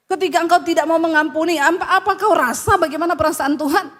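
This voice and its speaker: A woman pastor preaching a sermon in an animated, blunt and scolding way, often dropping her voice low to act out the people she quotes. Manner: blunt, scolding address to the listeners.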